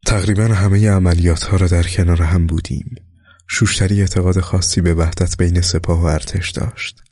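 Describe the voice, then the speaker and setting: Guy narrating an audiobook, low husky voice, super dry close sound, slow and solemn. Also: steady tone, no room sound. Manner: slow, solemn reading that drops to a soft whisper at emotional moments. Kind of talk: scripted audiobook narration of war memoirs.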